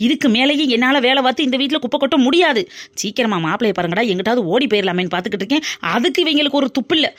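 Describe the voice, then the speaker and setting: A woman's voice: sits high, lively intonation, racing, fairly bright tone. A woman voicing Muthu, a young woman's playful, dramatic best friend in a cartoon. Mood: teasing. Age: young adult. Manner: teasing, dramatic and chatty. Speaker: cartoon character. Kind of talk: cartoon voice acting.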